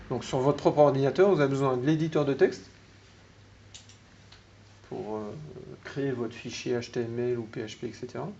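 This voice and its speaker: A man's voice: medium pitch, warm tone. French man explaining web basics to a room. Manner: explanatory, questions the audience. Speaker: meetup speaker. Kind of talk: live tech talk to an audience. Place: meeting room. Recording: slightly dull room recording with faint noise.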